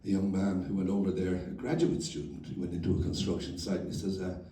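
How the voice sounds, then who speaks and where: A man's voice: low voice, flat delivery, quick pace, dark tone. A man performing as a folksinger and humorist, telling dry stories between songs to a live audience in a library room. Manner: wry storytelling between sung verses. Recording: roomy, mic at a distance, with guitar. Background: audience and guitar.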